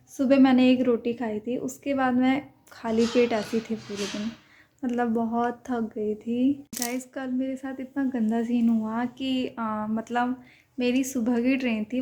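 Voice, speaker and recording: A woman's voice: fairly high pitch, warm tone. A young woman, chatting casually to her phone camera in a vlog, full of fillers as she recounts things. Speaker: vlogger.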